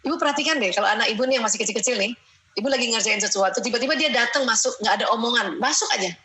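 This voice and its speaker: A middle-aged woman giving a lively parenting seminar, acting out mothers scolding and coaxing their children. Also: a little high, very fast, low-quality recording. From Indonesia.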